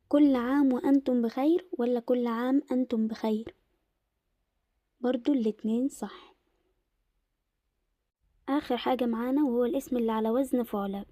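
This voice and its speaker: A young woman with an Egyptian Arabic accent teaching an Arabic lesson in a casual explanatory way, slowing down to stress word pairs. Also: on the high side, fairly even intonation, warm tone, no room sound, clean studio sound.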